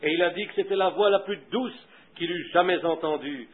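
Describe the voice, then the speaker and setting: A man preaching a sermon, telling a story and leading prayer in a fervent way that swings from hushed to loud. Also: high voice, brisk, breathy edge. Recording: tinny, phone-like old recording.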